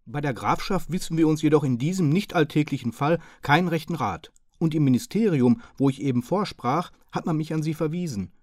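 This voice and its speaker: A man's voice: on the high side, animated, fairly quick, few pauses, a little mellow, no echo, voice pushed up. A man voicing a slim, polite and modest middle-aged county councillor who speaks earnestly and precisely.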